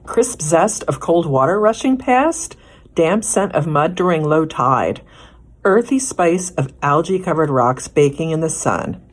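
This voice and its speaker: A children's librarian reads a picture book aloud, shaping each phrase with deliberate expression for small listeners. Her voice is low, and her intonation moves in a lively way.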